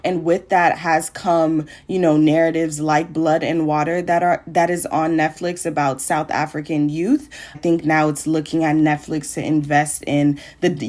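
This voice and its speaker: Low-voiced woman explaining thoughtfully. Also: a little mellow. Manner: thoughtful, explanatory, frequent "like" and "you know". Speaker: podcast guest. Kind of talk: conversational interview answers.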